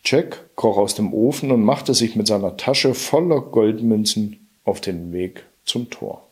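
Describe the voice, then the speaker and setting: A man narrating a fairy tale aloud in a lively, expressive storybook reading. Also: fairly low pitch, a little slow, slightly rough.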